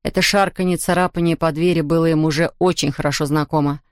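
A woman narrating a children's storybook in a calm, even manner. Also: sits low, fast, no echo, studio quality. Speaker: audiobook narrator. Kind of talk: scripted narration.

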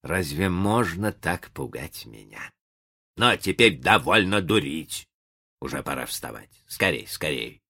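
Reader doing a low stern old auntie, scolding, no-nonsense. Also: very animated, measured pace, vocal fry, bright, forceful tone, breathy edge, exaggerated voice. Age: older. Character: stern but kindly old aunt.

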